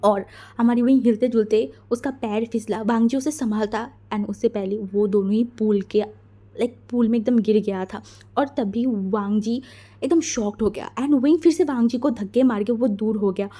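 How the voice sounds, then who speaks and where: A woman's voice: on the high side, moderate pace, mellow. A woman casually narrating a fan fiction story, dropping in fillers like "like" and "literally".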